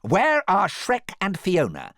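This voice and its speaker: A man's voice: high voice, huge pitch swings, unhurried, pushed and bright, no echo, studio quality, pitched above the performer's own voice, exaggerated voice. A man voicing a vain, gloating villain prince in a storybook, declaiming imperiously and theatrically. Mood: commanding.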